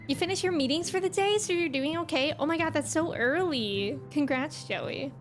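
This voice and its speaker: A woman with a high voice livestreams a game at a moderate pace, game music playing behind her. She chats casually and reacts to the story in slangy speech.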